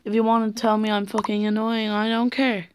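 A woman's voice: medium pitch, monotone, fairly quick. A tired teenage girl from Ireland, rambling through casual gameplay commentary with mumbled asides and sing-song chanting. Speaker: gamer. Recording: noisy home recording with clicks.

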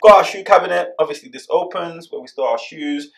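A man's voice: fairly high pitch, brisk, fairly bright tone. A man, giving a joking, hyped-up house tour as a vlogger. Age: 20s. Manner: playful, hyped, joking with the viewers. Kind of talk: casual chat. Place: home.

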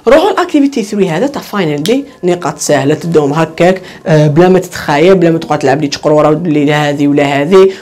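A woman's voice: mid-range voice, warm tone. A woman with an Algerian Arabic accent teaching an online English lesson. She asks questions, answers them herself, and repeats the key words. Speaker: English tutor.

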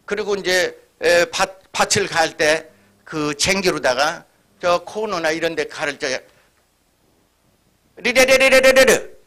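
High, bright-voiced man lecturing. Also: measured pace. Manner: emphatic, imitates regional dialect phrases. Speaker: forum lecturer. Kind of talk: history lecture.

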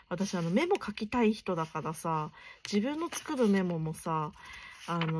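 A young woman talks her way through an unboxing at a hushed, late-night volume. She gushes softly over each item, her mid-range voice slipping into near whispers now and then. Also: medium pitch, noisy background. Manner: soft-spoken, chatty, keeps voice down late at night; gushing, often murmurs in near whispers. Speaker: stationery unboxing vlogger. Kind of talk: casual unboxing chat.

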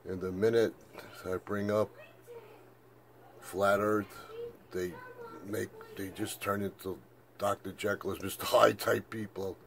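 An older man telling a rambling story in a monologue to camera, full of fillers and "I said". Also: fairly low pitch. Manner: meandering, repeats "I said", many fillers. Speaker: flat-earth video maker.

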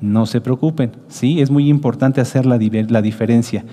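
A man's voice: mid-range voice, normal speed, dark tone. A man preaching a sermon to his congregation, teaching step by step and often checking with the listeners with a rising "¿sí?". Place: congregation hall with a booth of branches. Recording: long hall reverb.

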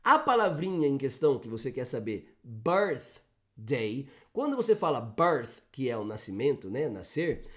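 A Brazilian man, an English teacher, explaining pronunciation in a chatty, lively online lesson and acting out examples. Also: a little high. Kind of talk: online English lesson answering viewer questions.

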